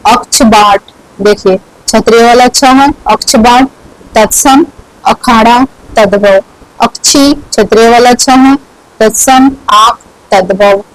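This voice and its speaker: Woman teacher going over grammar words really slowly, says each one twice, asks then answers herself, dry close sound. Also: fairly high pitch, no echo, rough recording. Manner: repeats each word, asks and answers her own questions. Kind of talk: slow explanatory lesson.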